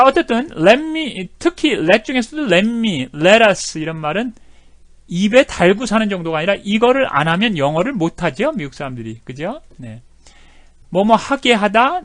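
A man's voice: high-pitched, fairly bright tone, no room sound. A middle-aged man teaching English phrases in a chatty way, with many fillers and repeated phrases. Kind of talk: explaining lesson with video clips.

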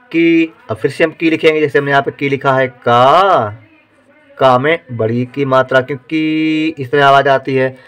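A man teaching how to write words, slowly sounding out each syllable and repeating words like dictation. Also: mid-range voice, fairly bright tone. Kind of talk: slow dictation-style writing lesson.

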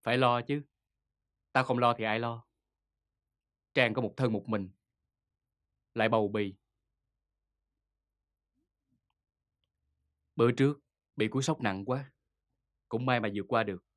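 An actor playing a devoted young boyfriend with a Southern Vietnamese accent, soothing and reassuring. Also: male voice, medium pitch, fairly even intonation, moderate pace, long pauses, a bit bright, no room sound, studio quality, natural voice. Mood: earnest.

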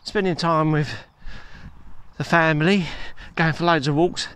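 Man vlogging on a walk, rambling and self-deprecating, slightly higher voice, handheld phone mic outdoors. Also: fairly even intonation, unhurried, a bit bright, clean tone, no room sound. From England. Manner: rambling, chatty, self-mocking. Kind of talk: casual walking vlog chat. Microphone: handheld phone camera.

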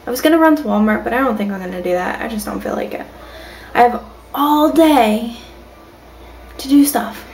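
A woman's voice: fairly high pitch, animated, moderate pace, long pauses, a little mellow, a little hiss or hum, low-quality recording. A woman vlogging from home in a casual, rambling way, with lots of ums and restarts. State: has the hiccups. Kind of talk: casual vlog chat. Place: at home, indoors.

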